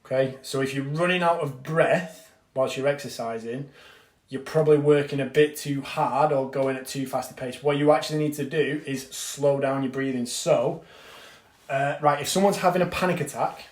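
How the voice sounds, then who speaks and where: Chatty fitness coach, echoey room. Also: male voice, mid-range voice, normal speed. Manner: chatty, reads out viewer comments, swears casually. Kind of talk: casual live-stream masterclass.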